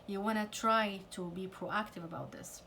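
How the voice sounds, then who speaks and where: A woman's voice: medium pitch, steady tone, moderate pace, pushed and bright, slight background noise. A middle-aged woman counselor giving an earnest talk to parents about conflict with teenagers. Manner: earnest, acts out quoted parents and teens. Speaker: family counselor.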